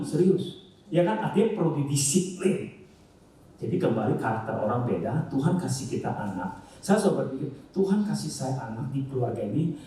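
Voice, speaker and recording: A man giving a casual family talk in church, addressing the audience with frequent questions and swinging between loud and soft. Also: medium pitch. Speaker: church speaker. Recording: echoey church hall from far off.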